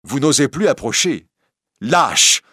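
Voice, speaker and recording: A man voicing a frightened yet defiant young woman in a storybook reading, speaking high and trembling. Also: big pitch swings, normal speed, a bit bright, husky, dry recording, clean studio sound.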